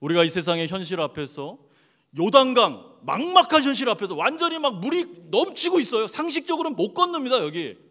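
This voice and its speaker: A male pastor preaching a sermon with lively swings from hushed asides to loud acted-out dialogue. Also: high voice, fairly quick, in a large hall. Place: church sanctuary.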